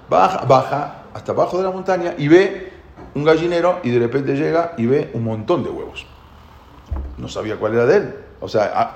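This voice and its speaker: A man telling a parable in an animated way, emphatic and repetitive, often restarting his sentences. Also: a little high, vocal fry. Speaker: guest telling a religious parable. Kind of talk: animated storytelling. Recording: echoey room.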